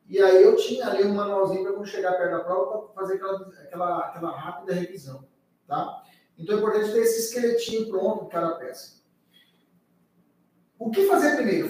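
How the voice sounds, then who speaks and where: A man's voice: sits high, a little mellow. A man teaching a live online exam-prep class in a chatty, informal way, often tagging sentences with a questioning 'tá?'. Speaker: law teacher. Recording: very echoey room, far from the mic.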